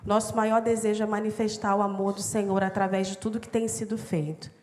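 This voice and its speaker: A woman's voice: mid-range voice, steady tone, a little fast, a little mellow. A woman with a Brazilian accent, a missionary and interpreter, speaking to a congregation in short phrases.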